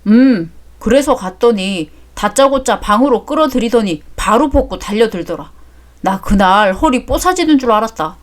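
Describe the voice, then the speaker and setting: A woman's voice: fairly high pitch, animated, normal speed, close to an everyday voice. A woman voicing a boastful middle-aged male fruit seller who gossips crudely. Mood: gossiping.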